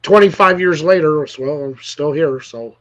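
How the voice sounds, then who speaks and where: A man's voice: on the high side, normal speed. A man, hosting a casual interview chat and telling rambling stories with many restarts. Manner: loose, rambling storyteller with frequent restarts. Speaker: podcast host. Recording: dull lo-fi audio.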